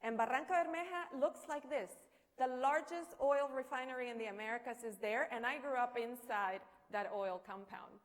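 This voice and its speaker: High-voiced woman in a reverberant hall. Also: normal speed. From Colombia. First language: Spanish. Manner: animated storytelling with rhetorical questions and humor. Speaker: keynote speaker. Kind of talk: conference keynote speech. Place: conference hall.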